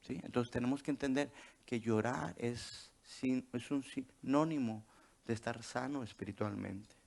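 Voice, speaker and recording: Gravelly-voiced male pastor preaching. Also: mid-range voice, measured pace, darkish tone. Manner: asks rhetorical questions, checks in with the congregation. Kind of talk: sermon.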